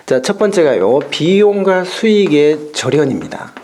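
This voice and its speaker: Male exam-prep lecturer, fairly high pitch, lively delivery, works through examples step by step. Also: a little slow, slight background noise. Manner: explanatory, steps through worked examples, keeps opening with "자".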